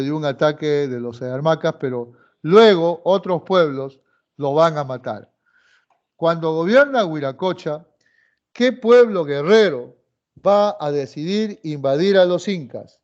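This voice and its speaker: A man with a Peruvian Spanish accent teaching a history class, quizzing students and repeating his questions. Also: on the high side. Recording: dull lo-fi sound.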